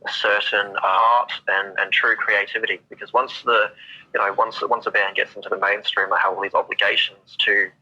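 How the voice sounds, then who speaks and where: A man giving a halting, thoughtful opinion in an interview. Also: on the low side, flat delivery, sharp tone, husky. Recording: dull radio-like narrow sound.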